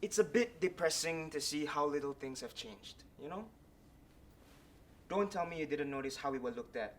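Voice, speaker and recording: An actor playing a bitter, sarcastic husband in a stage play, speaking with biting mockery. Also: male voice, a little high, expressive, moderate pace, a little hiss or hum, close to an everyday voice. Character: bitter husband in mixed marriage, sardonic. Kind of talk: stage acting.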